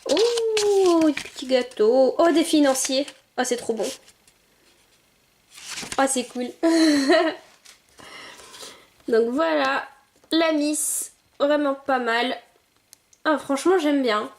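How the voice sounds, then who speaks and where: A woman's voice: high-pitched, takes it slowly, long pauses, slight background noise. A young woman chatting casually as she opens and sniffs collectible figurines, thinking aloud with little exclamations. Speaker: vlogger unboxing collectible figurines. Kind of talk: casual unboxing commentary.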